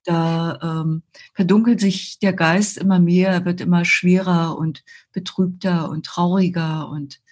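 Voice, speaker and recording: An older woman, a yoga teacher as interview guest, explaining at a slow, measured pace with frequent hesitations. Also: fairly low pitch, fairly even intonation, a little mellow.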